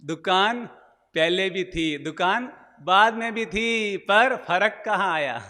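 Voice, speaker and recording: A man preaches a sermon, moving through stories and rhetorical questions. His voice is high and bright, with a forceful edge. A long reverb hangs behind him, as in a big hall. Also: takes it slowly. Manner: storytelling, rhetorical questions, acts out anecdotes. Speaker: Jain monk preacher.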